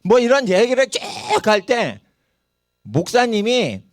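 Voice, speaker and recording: Male pastor, middle-aged, lively sermon delivery, dry close sound. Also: high voice, takes it slowly, dry recording. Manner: animated preaching, dramatizing quoted voices and regional dialects.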